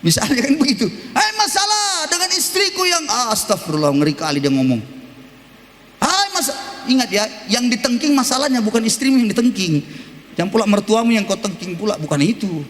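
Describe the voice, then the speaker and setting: A male pastor preaching an animated Sunday sermon, emphatic, breaking into shouted exclamations and humor, in a church hall. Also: high-pitched, brisk. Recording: reverberant hall with faint background noise.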